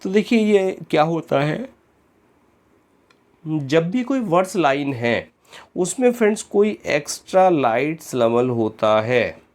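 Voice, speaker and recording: Slow-paced Indian man teaching literature. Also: fairly high pitch, very animated, darkish tone. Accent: Indian English. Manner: explains in Hindi mixed with English terms, reads questions slowly, often calls "friends". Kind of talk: online exam-prep lecture.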